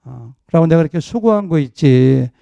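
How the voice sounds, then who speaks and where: Gravelly, conversational Korean pastor preaching. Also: male voice, a little high, lively intonation, a little fast, mellow, dry recording, dull audio. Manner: jokey, conversational preaching with laughs. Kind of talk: sermon.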